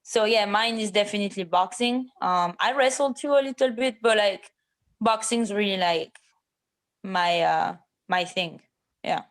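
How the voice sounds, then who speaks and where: A woman's voice: mid-range voice, unhurried. A woman in her thirties from France, speaking English as a guest in a casual interview, hesitant with many fillers and restarts, and blunt at times. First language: French. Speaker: MMA fighter, interview guest.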